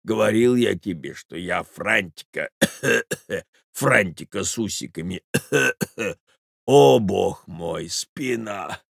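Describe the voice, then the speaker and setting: Male reader voicing a doddering elderly husband, low and gravelly, slow. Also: lively intonation, fairly bright tone, no room sound, studio quality, exaggerated voice. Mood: fussy. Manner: slow, mumbling, coughing. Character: frail old male husband, doting and fussy.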